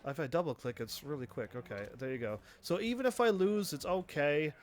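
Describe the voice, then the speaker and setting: A man's voice: a little high, brisk. A man giving casual live gameplay commentary, rambling and thinking aloud as he plays. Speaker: game streamer.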